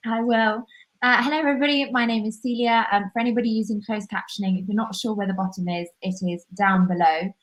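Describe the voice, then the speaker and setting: A young woman co-hosting a live podcast in a casual, chatty way. She has a modern British, strong Southern English accent and a mid-pitched voice. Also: steady tone, fast. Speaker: podcast co-host. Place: sparse room at home.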